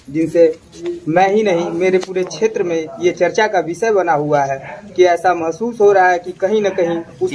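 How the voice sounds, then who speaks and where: A man's voice: fairly high pitch, darkish tone, low-quality recording. A man giving a reporter a formal, indignant statement. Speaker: villager interviewed. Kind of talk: interview statement.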